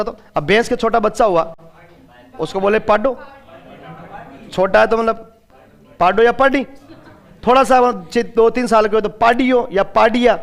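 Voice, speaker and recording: A man's voice: high-pitched, a bit bright. A man teaching an exam-prep class in a chatty way. He asks his students questions and then answers them himself, and he drops in phrases of local dialect. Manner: slips into regional dialect phrases. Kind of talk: classroom lecture.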